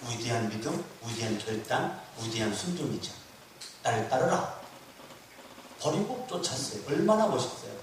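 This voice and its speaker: A man's voice: medium pitch, very animated, fairly quick, hardly any pauses, noisy background. A man pastor preaching a sermon with emphatic repetition and rhetorical questions thrown to the congregation. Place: church hall. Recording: echoey hall recorded from a distance.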